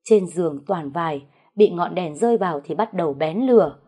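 A woman's voice: lowish voice, animated, normal speed, dark tone, slightly rough. A woman narrating a first-person family drama story, dramatic with sly asides.

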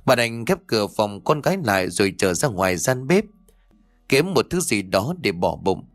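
A man's voice: lowish voice, sing-song, normal speed, soft background music. A man reading a serialized story aloud as audiobook narrator, voicing each character himself with shifts in tone. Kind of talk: scripted story narration with voiced dialogue.

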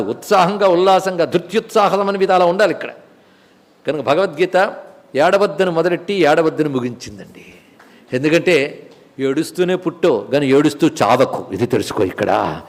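A man's voice: high voice, normal speed, long reverb tail. A man giving a spiritual discourse on scripture, who explains verses by repeating key words and asking rhetorical questions. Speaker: spiritual teacher. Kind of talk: Bhagavad Gita discourse.

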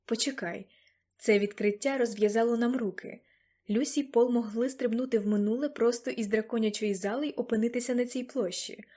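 A woman's voice: fairly high pitch, steady tone, fairly quick, dark tone, close to an everyday voice. A woman reading as an earnest old grandfather. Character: elderly grandfather, earnest, a bit guilty.

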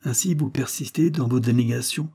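A man's voice: mid-range voice, brisk, dark tone, slightly rough, voice pushed up. A man reading the part of a stern older magistrate, grave and formal.

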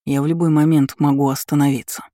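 A man voicing a cocky young male student who speaks huskily and in a soft, insinuating way. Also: on the high side, flat delivery, quick pace, no room sound, clean studio sound, close to an everyday voice. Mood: teasing. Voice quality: husky.

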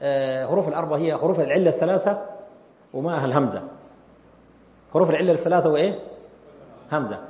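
A man's voice: fairly high pitch, racing, long pauses. A man teaching a grammar class, questioning his students as he lectures. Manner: lively, asks the class questions. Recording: echoey hall, dull lo-fi sound.

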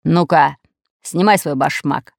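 Woman doing a gruff pirate captain. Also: low voice, slow, no room sound, clean studio sound, exaggerated voice. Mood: bossy. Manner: growling, commanding. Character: fat red-bearded pirate captain, gruff and bossy.

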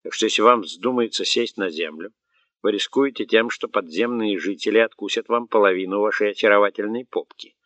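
A man voicing a gruff but patient male army sergeant who explains things calmly with a mild tease, in an audiobook. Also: lowish voice, a little fast, no echo, natural voice. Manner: calm, explaining, mildly teasing. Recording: dull, muffled audiobook recording.

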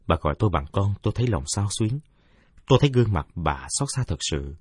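A male storyteller with a low, husky voice, telling the tale in a measured, reflective way. His pitch moves freely and the recording is dry and close. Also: big pitch swings, a little mellow, no echo. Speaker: narrator. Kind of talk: audiobook narration.

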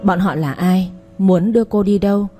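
A woman reading a romance novel aloud as storyteller, in a steady, expressive narration. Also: medium pitch, normal speed, faint music behind.

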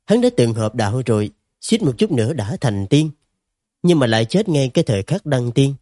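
A man narrating a fantasy story in an expressive, dramatic reading. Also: mid-range voice, moderate pace, dry recording, clean studio sound. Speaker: audiobook narrator.

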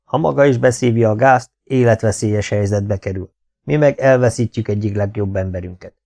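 A male audiobook reader voicing a brisk, practical male conspirator who gives earnest instructions. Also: fairly low pitch, creaky, dark tone. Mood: instructive.

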